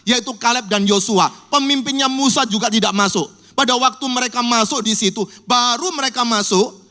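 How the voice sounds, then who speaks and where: A male pastor preaching a sermon, telling Bible stories vividly and acting out people's cries for help in a high voice. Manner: lively storytelling, acts out cries in a high voice. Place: church.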